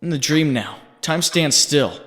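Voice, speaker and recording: On the high side and a bit bright, this man's voice is unhurried and lively in intonation, with a little hiss or hum. He voices a young hero's brooding, guilt-ridden thoughts for a comic dub, sardonic and intense in second person, under long cavernous reverb.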